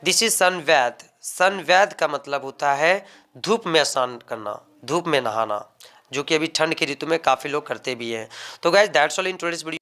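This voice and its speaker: Vocabulary teacher, man, slightly high voice, stretches words slowly for learners. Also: pushed and bright. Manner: slow, drawn-out word drills with Hindi explanations. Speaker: English teacher. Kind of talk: vocabulary lesson.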